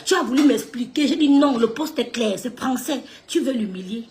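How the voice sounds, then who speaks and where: A woman's voice: on the high side, animated, moderate pace, darkish tone. A woman ranting on a live stream, scolding someone, repeating herself and laughing mid-sentence. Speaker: social media live streamer. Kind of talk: heated live-stream rant.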